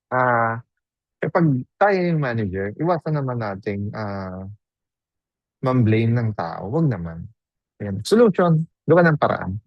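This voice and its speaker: A man's voice: medium pitch, no echo, muffled recording. A man giving a live online training, chatting casually, mixing Tagalog and English, and putting questions to the audience. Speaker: webinar trainer.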